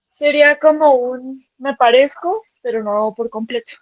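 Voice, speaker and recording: A woman's voice: high voice, a little slow, lo-fi sound. A woman taking part in a Bible class, answering questions tentatively as she thinks aloud. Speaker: class participant.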